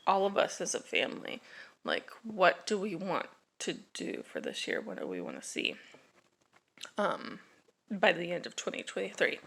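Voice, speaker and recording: A woman's voice: mid-range voice, gravelly. A woman in her thirties chatting casually to camera for her family vlog, rambling with restarts, sighs and yawns. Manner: rambling, halting, yawning, with sighs and laughs. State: drowsy. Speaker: family vlogger.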